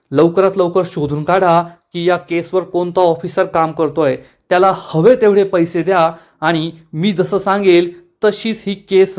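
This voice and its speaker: Man doing a ruthless arrogant businesswoman, scornful, commanding, higher-pitched. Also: darkish tone, close to an everyday voice. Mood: scheming. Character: arrogant ruthless young woman executive.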